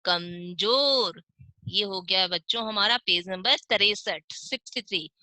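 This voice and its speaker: A woman teaching young children online, with a Hindi accent, reading words slowly syllable by syllable and asking questions she then answers herself. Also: medium pitch, sharp tone, no room sound, rough recording. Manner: slow, drawn-out syllable-by-syllable reading. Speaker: primary school teacher. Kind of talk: online class lesson.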